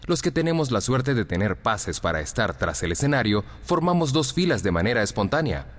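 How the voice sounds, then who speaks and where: A man reading a first-person audiobook story in an expressive storytelling manner. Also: mid-range voice, a little fast. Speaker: audiobook narrator. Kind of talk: scripted first-person narration. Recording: long reverb on the voice.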